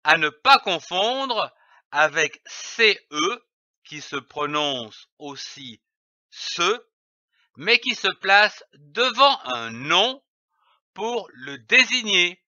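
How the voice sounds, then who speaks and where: A man teaches children to read, spelling every syllable out letter by letter and then saying it whole. His voice sits high and bright, and it moves up and down a lot. The recording is dry and a little dull. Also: very animated, extremely slow, dry recording. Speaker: reading teacher. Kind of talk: slow, spelled-out reading lesson for young children.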